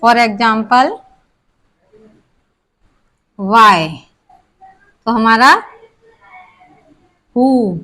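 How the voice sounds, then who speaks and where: High-voiced woman teaching pronunciation. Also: extremely slow, long pauses, sharp tone. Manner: asks questions and answers them herself; spells words out letter by letter. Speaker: English teacher. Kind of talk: explaining pronunciation rules.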